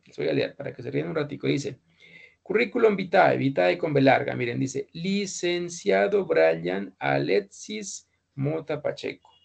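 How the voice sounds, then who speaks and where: A man's voice: on the high side, gravelly. A male English instructor, explaining an assignment to his class and often checking that they follow. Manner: repeats words, checks understanding often.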